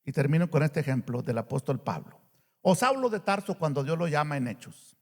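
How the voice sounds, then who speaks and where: A male pastor preaching a sermon, animated and asking the congregation rhetorical questions. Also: on the high side, fairly quick, in a large hall.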